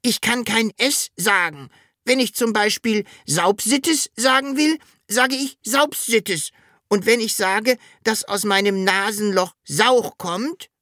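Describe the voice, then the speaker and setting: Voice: medium pitch, expressive, takes it slowly, few pauses, sharp tone, husky, no echo, clean studio sound, pitched above the performer's own voice, exaggerated voice. A narrator voicing a small, puzzled male dragon who swaps his R sounds for S in a storybook reading. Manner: lisping mix-up of R and S sounds.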